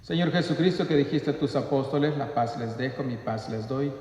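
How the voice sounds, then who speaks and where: Solemn priest in cathedral echo. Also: male voice, medium pitch, brisk, darkish tone. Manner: solemn, formal recitation. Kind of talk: liturgical prayer and blessing. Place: large reverberant church interior. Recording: echoey church with long reverb.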